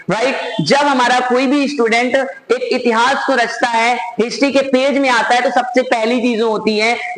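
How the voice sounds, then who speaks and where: A man with an Indian accent teaching a computer class, dictating notes slowly word by word and switching to quicker asides addressed to his students. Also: very high voice, a bit bright. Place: classroom at a board. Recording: echoey room, faint background noise.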